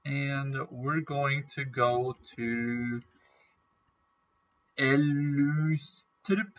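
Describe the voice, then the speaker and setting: A man chatting casually through a game as a YouTuber, rambling and clearing his throat often with a nagging cough. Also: medium pitch, drawn-out words, a bit bright, recorded from a distance, dull audio. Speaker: gaming YouTuber.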